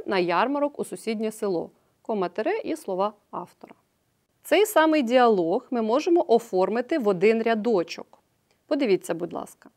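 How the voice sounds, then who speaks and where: A woman teacher giving an online grammar lesson, patiently explaining each step and often checking in with a quick "right?". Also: medium pitch, darkish tone.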